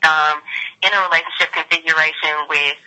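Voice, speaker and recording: A woman talks over the phone in a relaxed, informal interview. Her voice is very bright and forward, with an edge to it. She explains things conversationally, leaning on "like" as she goes. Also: low voice, brisk, rough recording. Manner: informal, peppers speech with "like". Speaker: sex educator interviewee. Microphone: telephone call.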